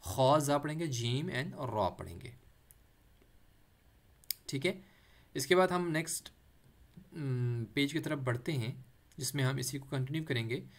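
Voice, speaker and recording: A man teaching Quran reading, patiently saying letters one at a time and slowly drawing out recited words, with English words mixed in. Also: fairly high pitch. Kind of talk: letter-by-letter tajweed lesson.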